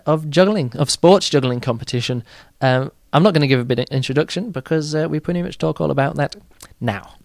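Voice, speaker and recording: A man's voice: mid-range voice, no echo, studio quality. Outspoken man hosting a podcast. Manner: outspoken, rambling with fillers. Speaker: podcast host. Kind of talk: casual podcast monologue and interview.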